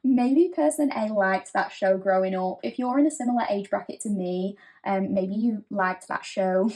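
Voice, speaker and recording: A tarot reader with a medium-pitched voice gives a pick-a-card reading in a gentle, reassuring, chatty way, using frequent fillers. The recording is low quality.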